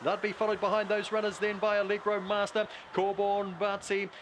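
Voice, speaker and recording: Kiwi man calling races in an even, high voice. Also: fairly quick. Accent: New Zealand. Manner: colloquial, clipped running phrases. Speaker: greyhound race caller. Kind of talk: live race commentary. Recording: noisy outdoor trackside broadcast.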